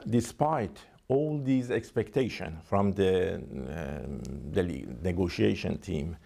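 A man with a Persian accent gives formal interview answers as a diplomat. His voice is dark and creaky, and he talks very slowly, with halting phrasing and many hesitations. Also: sits low, animated. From Iran.

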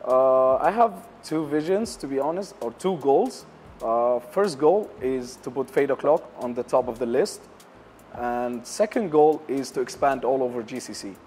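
A man's voice: mid-range voice, expressive, unhurried, darkish tone, a little hiss or hum. Hesitant young Syrian man, lapel mic. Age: young adult. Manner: hesitant, many uh fillers, non-native English grammar. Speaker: barbershop owner, interview guest. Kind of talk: interview answers. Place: lounge area of a barbershop, indoors.

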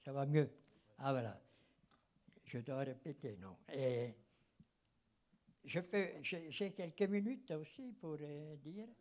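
A man's voice: a little high, lively intonation, takes it slowly, pauses often, a little mellow. A man in his eighties with a foreign Swiss German accent in his French, rambling and searching for words as he reminisces into a handheld microphone. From German-speaking Fribourg countryside, Switzerland. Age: 80s. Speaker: audience member, former travelling cinema operator. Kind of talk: reminiscing at a public round table. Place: seated in a cinema auditorium.

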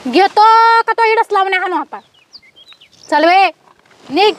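A woman playing a strict, domineering female police officer who scolds with rapid questions. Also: extremely high pitch. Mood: scolding. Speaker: police officer in a comedy skit.

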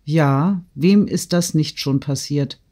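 A man's voice: a little high, slow, mellow. Brief: male reader as a jovial old nobleman, audiobook character. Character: cheerful old count, a doting father.

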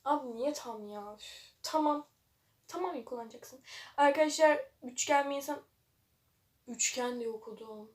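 A woman's voice: high voice, normal speed, long pauses. A young woman reading a web novel aloud for a vlog, breaking off with mocking, laughing comments. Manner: mocking asides, frequent laughter.

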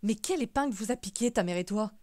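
A woman voicing a fussy, quick-tempered old great-uncle in an audiobook, loud and scolding. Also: mid-range voice, natural voice. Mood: indignant. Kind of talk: audiobook character reading.

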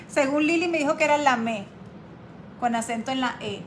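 A woman hosting a casual live craft tutorial, chatting warmly with her viewers and reading their comments aloud. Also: sits high, fairly quick, a little hiss or hum. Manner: chatty, affectionate, calls viewers "my girls", reads comments aloud. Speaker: craft livestream host.

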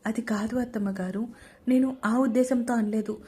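A woman's voice: fairly high pitch, fairly even intonation, moderate pace, mellow, close to an everyday voice. A woman voicing a meek, polite young newlywed daughter-in-law. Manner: polite and respectful.

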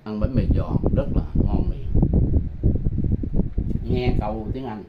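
An older man with a lowish voice and slow pace teaches a homemade language lesson, patiently repeating phrases so learners can practice pronunciation. The recording is muffled, made at home, with background noise.

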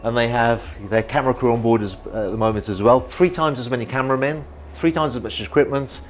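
A man's voice: mid-range voice, brisk. A middle-aged man giving an enthusiastic walkthrough tour of a yacht, guiding the viewer as he walks. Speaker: yacht reviewer. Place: outdoors on a yacht deck and inside its saloon at a boat show.

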